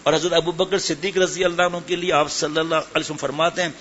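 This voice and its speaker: A man delivers a religious sermon to a gathered audience, his voice sitting on the higher side for a man. He keeps turning to his listeners with direct questions and drops English words into his speech. The recording sounds dull and lo-fi. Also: flat delivery, fairly bright tone, a little hiss or hum. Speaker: preacher.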